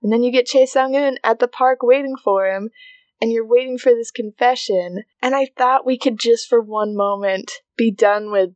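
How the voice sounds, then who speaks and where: A woman with a slightly high voice co-hosts a casual podcast, recapping a drama in an animated way. She laughs often and acts out the characters' lines. The sound is dry and close. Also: moderate pace, no room sound. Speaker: podcast co-host.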